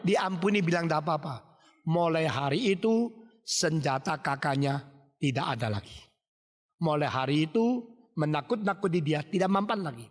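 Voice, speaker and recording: A high-voiced male preacher telling a story in a vivid, repetitive cadence. His voice rings through a large hall with long reverb. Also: expressive, normal speed. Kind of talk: sermon storytelling.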